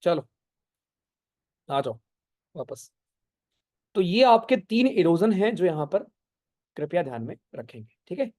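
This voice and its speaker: A male geography teacher with a high-pitched, slightly mellow voice and big pitch swings gives an online exam-prep lecture without earphones. He explains slowly, mixes in many English terms, keeps asking whether things are clear, and scolds students for going off topic.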